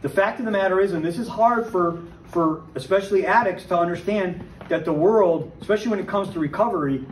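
A man giving a conversational Bible teaching to a recovery group, lively and full of rhetorical questions. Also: sits high, a little fast, hardly any pauses. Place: church meeting room. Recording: echoey church room, distant mic, faint hiss.

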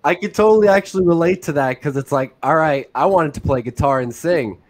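A man's voice: a little high, brisk. Upbeat man hosting a video call. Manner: enthusiastic, swears, laughs often. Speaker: co-host. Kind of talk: casual video call chat.

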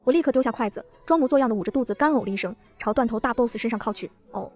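Brief: woman audiobook narrator, rushing delivery, slightly high voice, comic tale. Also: darkish tone. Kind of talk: first-person comedic novel narration.

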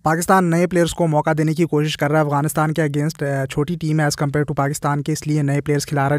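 A man in his thirties giving chatty, quick cricket vlog commentary outdoors at a stadium, filmed on a handheld phone. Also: a little high, no room sound, studio quality. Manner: fast, chatty, mixes English words. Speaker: cricket vlogger.

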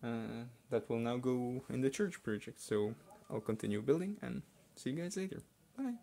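A hobby builder hosting a video gives casual, hesitant unboxing commentary at a wooden table indoors, trailing off into offhand asides. His mid-range voice is gravelly and warm at a normal speed. Clicks and crinkling plastic bags sound in the background over faint noise.

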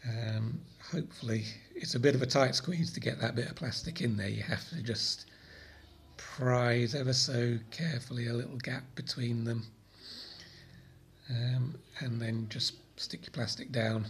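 A man with a croaky voice from a cold, casually explaining a fix in a hobby vlog, rambling with frequent ums and repeated words. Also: mid-range voice, fairly even intonation, measured pace. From Britain. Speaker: drone hobby channel host.

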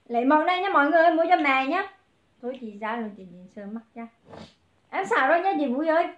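A high-pitched woman runs a livestream clothing sale, rattling off prices and calling to her viewers. Her voice rings in a roomy space, and the sound is a little dull and muffled. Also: animated, quick pace. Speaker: online clothing seller.

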